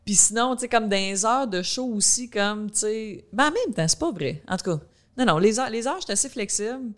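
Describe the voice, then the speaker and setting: A woman's voice: mid-range voice, expressive, brisk. Rural Quebec woman comedian in her thirties, a podcast guest who rambles and chats loosely. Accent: Quebec French, rural. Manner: chatty, rambling, full of fillers. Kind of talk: casual chat.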